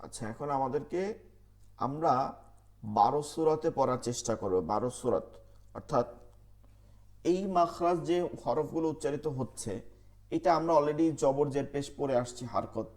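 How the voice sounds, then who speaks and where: A man teaching an online Quran class, patiently repeating letter sounds slowly for students to copy. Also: medium pitch, a little mellow.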